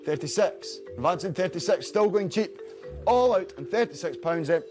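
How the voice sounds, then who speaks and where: High-pitched male auctioneer calling bids. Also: expressive, over music. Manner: repetitive rapid-fire numbers and bid calls. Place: auction room.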